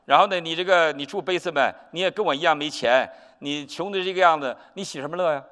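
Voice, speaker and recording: A man voicing an exasperated poor young man who talks loudly and in disbelief. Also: on the high side, fast talker, voice pushed up, lightly acted. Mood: indignant. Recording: long reverb hall.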